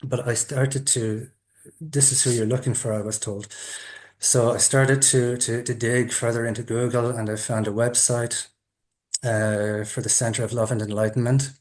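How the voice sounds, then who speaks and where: Man, interviewer, chatty storyteller, mid-pitched voice, video call. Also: level tone, moderate pace. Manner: chatty, laughs at himself. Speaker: interviewer, group host. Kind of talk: storytelling introduction.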